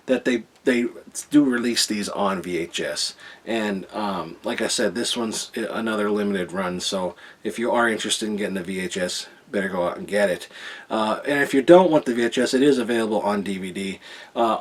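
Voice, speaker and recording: A man giving a casual, enthusiastic video review, rambling with many restarts and repeated phrases. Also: mid-range voice. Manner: rambling, full of fillers and restarts; enthusiastic, keeps repeating himself. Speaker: horror movie reviewer.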